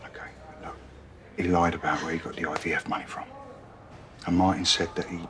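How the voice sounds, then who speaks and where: A man's voice: sits low, flat delivery, fairly quick, a bit bright. An actor playing a blunt, matter-of-fact police officer who speaks to a suspect like a father.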